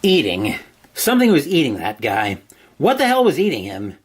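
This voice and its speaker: A man's voice: medium pitch, wildly swooping pitch, moderate pace, breathy edge. A man playing a solo horror gamebook alone, reading the entries aloud with dramatic narration and asides about his dice rolls.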